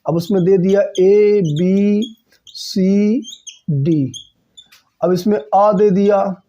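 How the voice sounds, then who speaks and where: A man's voice: sits high, extremely slow, warm tone. A man teaching an exam-prep grammar lesson who keeps checking in with his listeners and asks questions he then answers himself. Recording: dull lo-fi sound.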